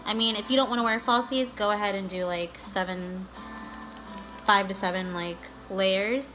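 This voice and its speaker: A woman's voice: mid-range voice, fairly even intonation, moderate pace, sharp tone, rough recording. A woman giving a casual, chatty makeup tutorial in a bubbly, gushing, playful way, peppering her talk with filler slang like a vlogger. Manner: bubbly and gushing, with valley-girl style "like" and "guys"; playful, breaks into sing-song bits and exclamations. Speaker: beauty vlogger. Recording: music playing behind the voice. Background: music.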